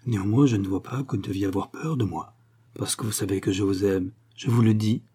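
A man voicing a calm, gentle young curate, close to his own voice. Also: fairly low pitch, husky. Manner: calm, measured.

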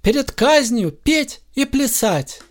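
Young woman, bold, quick-witted, very high voice, as a man puts her on. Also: big pitch swings, heavily acted. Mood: pleading.

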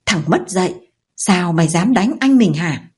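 A woman voicing a stern, sharp-tongued mother-in-law who scolds in a quick, shrill way. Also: animated, breathy edge. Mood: angry.

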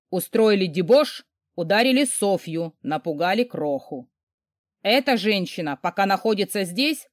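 A woman voicing a big, commanding boss of a man who speaks slowly and sternly in anger. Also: fairly low pitch, no echo, studio quality, close to an everyday voice. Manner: slow, forceful, stern.

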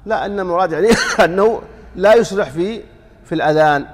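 Teaching fiqh, this sheikh talks fast in a voice that sits high, with a long reverb tail behind him. He walks through a religious text, tests his audience with rhetorical questions, and occasionally chants example lines.

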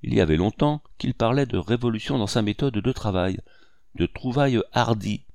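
A man giving a measured, even literary audiobook narration. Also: fairly low pitch, creaky, no echo, studio quality.

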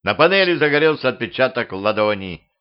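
Male amateur audiobook narrator, lively. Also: medium pitch, brisk, clear, resonant tone. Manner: lively, expressive reading. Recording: dull lo-fi home recording.

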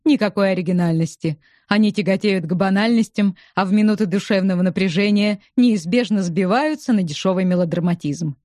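A woman voicing a drily ironic, unflappable gentleman who speaks deadpan. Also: mid-range voice, fairly quick, hardly any pauses, no room sound, studio quality, lightly acted.

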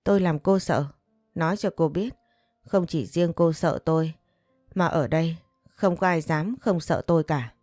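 A woman's voice: low-pitched, unhurried, a little mellow, dry recording, faint music behind. A woman voicing a moody, domineering young husband in an audio story, giving harsh, scolding commands.

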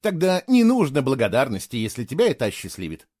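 A man's voice: mid-range voice, wildly swooping pitch, fast, darkish tone. A man voicing an indignant young man, a stranger in a strange world, speaking in an irritated, insistent way.

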